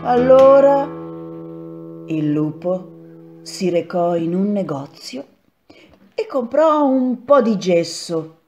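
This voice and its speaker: A woman actress narrating a fairy tale for children, expressive and playful. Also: on the low side, soft background music. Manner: slow, expressive, playful repetitions.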